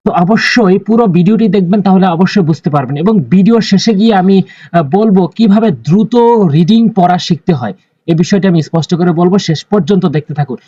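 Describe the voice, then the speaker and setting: Man, Quran reading teacher, fairly high voice, dry slightly dull recording. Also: mellow, no echo. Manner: spells out letters slowly and drawls vowels; repeats instructions.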